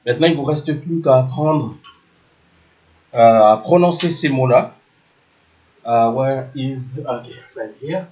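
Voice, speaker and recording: A man's voice: medium pitch, takes it slowly, long pauses, darkish tone, lo-fi sound. A man teaching a lesson, patiently repeating words and often checking with "ok?". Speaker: English teacher. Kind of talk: slow classroom-style lesson in French. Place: room with a whiteboard. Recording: echoey room.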